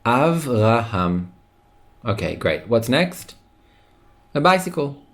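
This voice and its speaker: A man teaching an online language lesson, patient and encouraging, slowly repeating words for listeners to say along. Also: lowish voice, big pitch swings.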